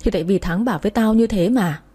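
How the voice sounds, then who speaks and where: A heartbroken young woman from a read-aloud story, whiny and sulky as she complains, voiced by the female narrator. The tone is warm and mellow, with a soft breathy edge. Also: mid-range voice, quick pace, close to an everyday voice.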